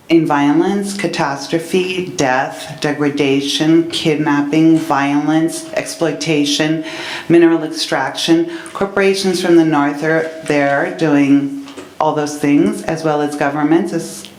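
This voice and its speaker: A woman from Colombia speaking earnestly and deliberately as a panelist in a discussion. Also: deep voice, fairly even intonation, a little mellow, roomy sound, slight background noise, low-quality recording. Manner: earnest, deliberate, listing words one by one.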